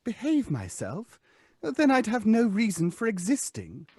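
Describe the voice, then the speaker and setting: An actor playing a haughty, weary centuries-old ghost in an old-time radio drama, with pompous, theatrical phrasing. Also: male voice, sits high, wildly swooping pitch, unhurried, a little mellow, husky, dry recording, exaggerated voice. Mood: indignant, haughty. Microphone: close studio microphone.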